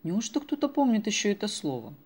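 A woman reading the lines of a brisk, demanding middle-aged mother in an audiobook. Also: mid-range voice, very animated, darkish tone, breathy edge, pitched above the performer's own voice. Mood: wry.

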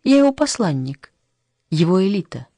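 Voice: medium pitch, very animated, moderate pace, vocal fry, dark tone, dry recording. An audiobook reader voicing a flustered, evasive young man who turns out to be the devil's envoy, sheepish and playful in manner.

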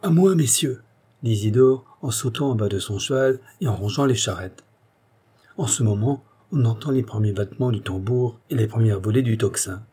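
A man narrating a historical novel as an audiobook, with steady, dramatic storytelling. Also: fairly low pitch, brisk, breathy edge. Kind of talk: scripted narration.

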